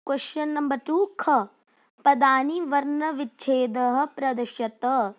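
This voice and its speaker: A woman's voice: sits high, steady tone, slow pace. A woman teaching a lesson. She carefully spells out words one at a time, then explains each step in a chatty teacher's way. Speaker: Sanskrit teacher. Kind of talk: classroom lesson explaining exercises.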